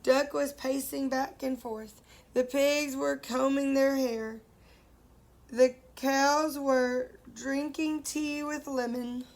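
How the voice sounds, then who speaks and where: High, slow-reading woman teacher. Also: steady tone, darkish tone. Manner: pauses to ask the listening children questions; sings the animal noises playfully. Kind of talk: picture book read-aloud for children.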